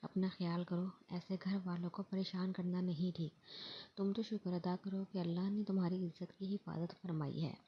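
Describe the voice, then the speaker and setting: A woman reading the lines of a calm young woman who gently reassures and advises a friend. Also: on the low side, normal speed, dull audio, a little hiss or hum, natural voice. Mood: reassuring. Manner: soothing, advising.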